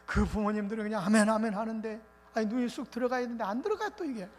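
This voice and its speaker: A male pastor preaching a revival sermon in an animated, colloquial storytelling way. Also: high voice, very fast. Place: church sanctuary. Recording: reverberant church hall with faint noise.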